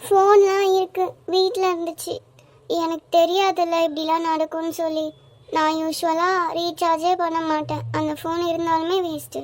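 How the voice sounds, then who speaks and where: A squeaky chatty schoolgirl. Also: level tone, darkish tone. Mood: sheepish. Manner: chatty, cheeky, quick to tears. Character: chatty schoolgirl in twelfth grade. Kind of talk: Tamil cartoon series voice acting.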